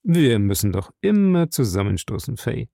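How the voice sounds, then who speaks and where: A man reading an audiobook and voicing a captain who speaks forcefully and with dry irony. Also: medium pitch, moderate pace, gravelly, no room sound, close to an everyday voice. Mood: ironic. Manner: forceful, dryly ironic. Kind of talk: audiobook character voice.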